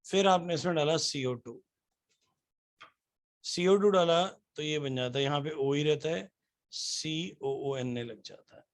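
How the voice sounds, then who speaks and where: A man's voice: on the high side, a little slow. A man teaching chemistry to a class. He keeps asking the students questions and answers them himself, and he spells out formulas letter by letter. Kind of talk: classroom lecture.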